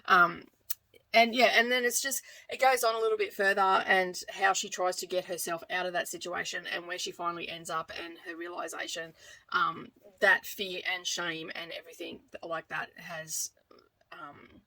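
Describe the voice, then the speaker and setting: An Australian woman with a fairly low voice gives a casual book review like a vlogger chatting to viewers. She rambles a little and circles back to correct herself, her delivery flat at a normal speed with a sharp tone. The audio is poor.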